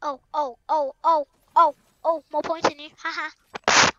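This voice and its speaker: A woman with a high, bright voice talks through a game round. She keeps it casual and playful and breaks into sung lines and goofy sound effects. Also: little pitch movement, moderate pace, no room sound, highs cut off. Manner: playful, sings and makes silly sound effects. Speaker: gaming channel host. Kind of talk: casual gameplay commentary.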